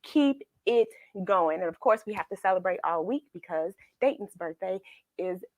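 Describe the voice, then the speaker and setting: Hosting a children's read-along, a woman speaks in a lowish, animated voice at normal speed, with no echo. She chats informally, playful, affectionate, and encouraging, repeating phrases for emphasis.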